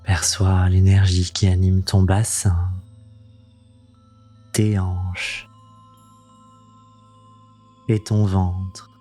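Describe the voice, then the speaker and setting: A man leading a guided meditation in a soothing, gentle, intimate voice that sounds close to the ear, unhurried and calming, as the host of the practice. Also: low-pitched, faint music behind. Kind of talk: slow guided meditation narration.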